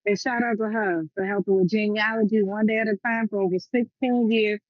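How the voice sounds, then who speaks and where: A woman gives friendly shout-outs in a casual live voice chat. Her mic sounds dry and muffled, with little room around it. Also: medium pitch, steady tone, fairly quick, no echo. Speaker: chat participant.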